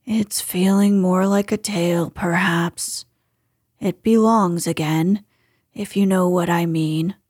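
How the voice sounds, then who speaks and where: Gloomy old storybook donkey played by a woman: low, slow, grumbling, mellow. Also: steady tone, breathy edge, no echo, clean studio sound. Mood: mournful, grumbling. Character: gloomy, self-pitying old male donkey. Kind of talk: children's storybook character voice.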